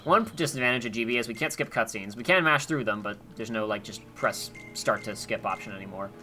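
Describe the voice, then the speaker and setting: Over faint game music, a man co-hosting a let's play chats casually about the gameplay. His fairly low voice is brisk, pushed and bright, and he rambles, restarting and correcting himself as he goes.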